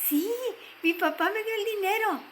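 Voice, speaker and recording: A woman voicing an excited little girl who longs for a pair of skates, speaking eagerly. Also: very high voice, moderate pace, slight background noise, voice pushed up. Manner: eager, breathless.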